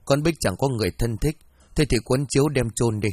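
A man's voice: mid-range voice, fairly quick, darkish tone, no room sound, clean studio sound, natural voice. A man voicing a stern, commanding senior wife of a landlord in a storybook reading.

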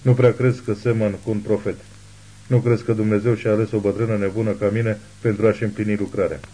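A man voicing a zealous old woman who calls herself a prophet, speaking in a hushed but imperious way. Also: lowish voice, little pitch movement, lightly acted, poor audio. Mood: fervent preaching.

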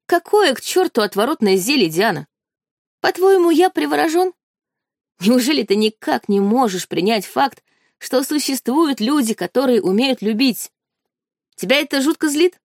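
A furious young nobleman, as a woman reader puts him on, full of scorn and menace. The voice rides high and sharp over her own, and the recording is close and dry. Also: animated, moderate pace, no echo. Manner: shouting, spiteful, scornful.

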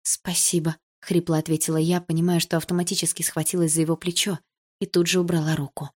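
A woman narrating a first-person novel with an expressive, emotional reading. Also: on the low side, fast. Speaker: audiobook reader.

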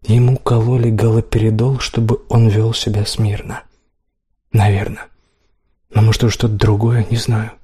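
A man voicing a fragile, upset young woman who speaks quietly and plaintively. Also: fairly low pitch, level tone, moderate pace, slightly rough. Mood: subdued.

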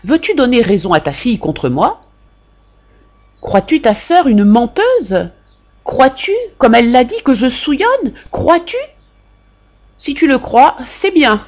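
A woman reads aloud, voicing a domineering middle-aged mother who scolds shrilly and indignantly, in a wounded mood. Her delivery is sing-song at a normal speed, dark-toned with a breathy edge, on a dull lo-fi recording.

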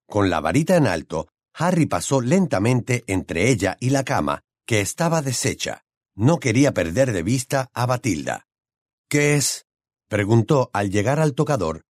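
A man reading a fantasy audiobook aloud in a dramatic, expressive storytelling manner. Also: lowish voice, dry recording, clean studio sound. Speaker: audiobook narrator. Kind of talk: scripted narration.

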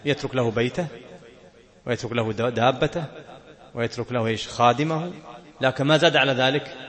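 Fast-talking male teacher. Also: medium pitch, fairly bright tone. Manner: questions and answers himself, laughs now and then. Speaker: Islamic jurisprudence teacher. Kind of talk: explaining a fiqh text.

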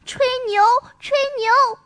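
A woman's voice: extremely high pitch, lively intonation, measured pace, fairly bright tone, heavily acted. A woman voicing a gullible little boy who talks with eager, childish pleading.

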